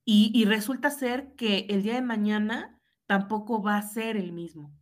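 A woman's voice: medium pitch, normal speed. Mexican woman, teacher, reflective storyteller, earnest, keeps checking in with tag questions, acts out what people said. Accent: Mexican Spanish. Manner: earnest, frequent tag questions, reenacts dialogue. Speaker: high school teacher. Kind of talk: reflective personal storytelling in conversation.

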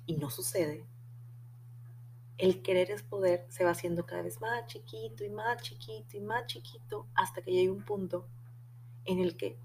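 A woman's voice: lowish voice, a little mellow, slight background noise. A young woman with a Mexican accent, telling a personal story on her podcast in a chatty, slangy way with the odd curse word. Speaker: podcast host. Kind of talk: casual storytelling monologue.

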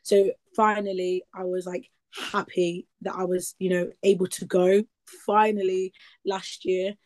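Talking a little slowly, this guest's darkish, mid-range voice shows little pitch movement. She is in her twenties, from the East Midlands of England, and her casual interview chat wanders, peppered with likes and ums.

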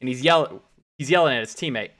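A man with a bright, forceful voice talks through football picks in a relaxed podcast chat. He gets animated as he acts out quotes, his voice jumping up when he plays other people. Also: mid-range voice, fast talker. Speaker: podcast co-host. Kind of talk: casual sports betting chat.

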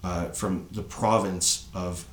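Taking his time, the Canadian co-host in his thirties meanders through a casual podcast conversation, dropping "right?" again and again. His low voice stays level and a bit bright, and the space sounds reverberant.

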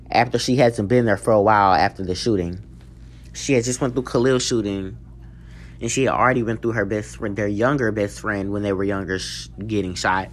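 Casual rambling male book reviewer. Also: on the low side. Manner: rambling and informal, with self-corrections. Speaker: student giving a book report.

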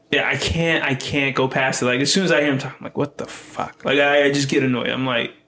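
Casting note: mid-pitched male co-host, blunt and foul-mouthed, casual podcast banter. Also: fairly even intonation, a little fast, pushed and bright. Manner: blunt, profane, dismissive opinions. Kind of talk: casual chat.

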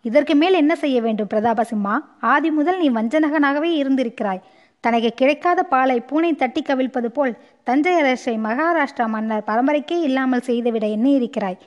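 A proud, grieving queen mother who scolds with impassioned force in an audiobook story, as a woman reads her part. The voice sits high. The recording is dull and lo-fi. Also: moderate pace, natural voice. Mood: reproachful.

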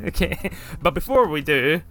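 A man's voice: a little high, lively intonation, measured pace, fairly bright tone. A man with a Glasgow Scottish accent hosting a casual podcast, joking, swearing and stumbling over his own intro. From Scotland. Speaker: podcast host. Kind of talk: casual chat.

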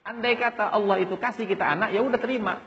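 A man's voice: high-pitched, fairly even intonation, fast talker. A man giving a conversational sermon as an Islamic preacher, often addressing listeners as Pak. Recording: dull audio with long hall reverb.

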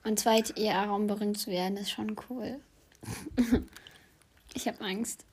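A young woman chatting casually and excitably during a quiz challenge video, prone to giggling. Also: medium pitch, takes it slowly, a little hiss or hum.

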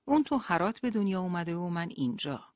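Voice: medium pitch, sing-song, no echo, clean studio sound, pitched above the performer's own voice, close to an everyday voice. A narrator voicing a frightened young woman who pleads and answers under questioning in an audiobook. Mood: anxious. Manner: trembling, pleading.

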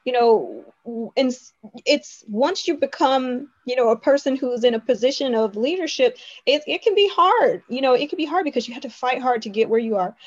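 A woman's voice: high voice, expressive, normal speed, no room sound, dull audio. A young adult woman hosting an interview, chatting with enthusiasm and lots of "you know" fillers. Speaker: interview host. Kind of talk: casual interview conversation.

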